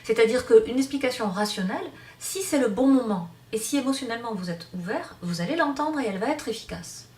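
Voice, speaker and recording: A woman's voice: on the high side, lively intonation, a little fast, few pauses, a little mellow, distant mic. A woman teaching a hypnosis course, explaining off the cuff with many fillers and restarts. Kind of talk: online lecture. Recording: roomy sound from off-mic.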